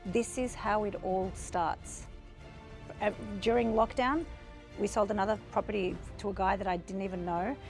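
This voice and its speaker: A woman's voice: mid-range voice, fairly even intonation, normal speed, a little mellow, soft background music. A woman with an Australian accent, a real estate agent, earnestly telling an audience a sales story. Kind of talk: speaking to an audience.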